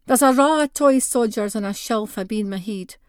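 A woman with a North-East Scottish (Doric) accent reads a first-person short story written in dialect, bringing it to life by acting out the dialogue in that dialect. Her voice sits a little high and flows smoothly at a moderate pace. The studio-quality recording carries no room sound.

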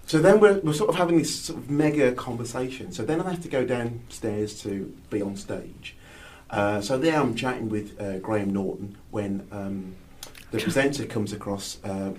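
A man's voice: medium pitch, a little mellow. A man, a novelist co-presenting a radio book show, telling rambling self-deprecating anecdotes full of hesitations. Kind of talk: casual radio chat.

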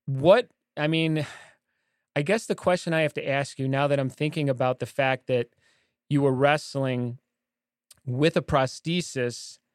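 A man hosting a podcast, asking questions in a halting, searching way. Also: medium pitch, clear, resonant tone, no echo, studio quality. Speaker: podcast host. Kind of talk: casual interview questions. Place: podcast studio.

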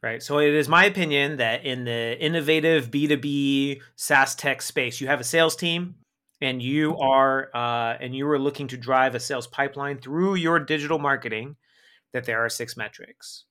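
On a podcast, a man interviewed as a marketing expert talks at an ordinary pace in a mid-range voice. He makes his points with energy and emphasis, often wrapping them up with a questioning "right?"

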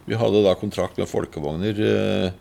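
An older man from Norway, a singer and preacher, tells a personal testimony in an unhurried storytelling manner, acting out his past thoughts as quotes and often repeating words. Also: on the low side, steady tone, vocal fry, warm tone. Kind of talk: personal testimony told in an interview.

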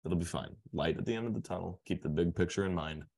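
A man's voice: low voice, fast, creaky, darkish tone. A man co-hosting a casual sports podcast, making his points emphatically and repeating words as he builds them. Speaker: podcast co-host.

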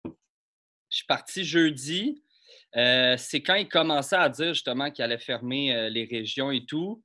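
A man's voice: medium pitch, unhurried, sharp tone. A man with a Quebec French accent chatting casually about everyday life. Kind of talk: casual chat.

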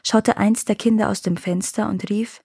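A woman narrating a fairy tale in calm, measured scripted storytelling. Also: medium pitch, gravelly, slightly rough, no room sound, clean studio sound. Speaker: storyteller reading fairy tales.

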